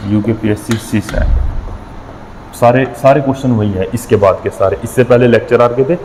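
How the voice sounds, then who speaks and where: A man's voice: medium pitch, normal speed, darkish tone, big-room sound, a little hiss or hum, poor audio. A man teaching an exam-prep reasoning lesson, working through problems step by step and counting numbers aloud with frequent checks on his students.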